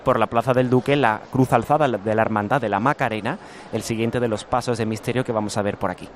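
A man's voice: mid-range voice, fast, a little hiss or hum. A man working as a field reporter, describing a street procession live as he walks along it. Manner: steady descriptive reporting with small restarts. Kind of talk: live event commentary. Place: outdoor city street among the procession.

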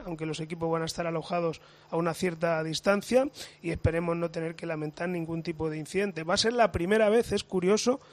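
Hoarse high-voiced male sports reporter. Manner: brisk, factual news delivery. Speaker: club reporter.

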